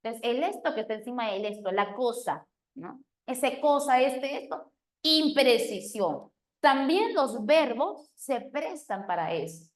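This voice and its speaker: A woman teacher giving an animated lesson, often checking in with her listeners. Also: a little high, unhurried. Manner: animated, questioning, keeps asking "¿sí o no?". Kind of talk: lively classroom lesson.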